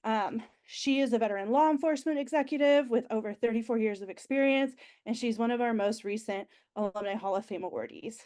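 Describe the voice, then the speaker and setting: Brisk and with few pauses, her voice is on the high side and dark in tone. The young alumni relations presenter, nasal while recovering from sickness, delivers a chatty, enthusiastic university orientation peppered with ums.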